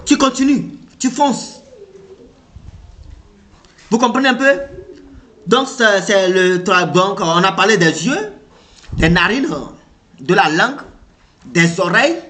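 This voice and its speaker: A man with an African French accent giving an animated motivational talk, repeating himself and firing rhetorical questions at the listener. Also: sits high, takes it slowly, long pauses. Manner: animated, repetitive, rhetorical questions, acts out reactions. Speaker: motivational speaker.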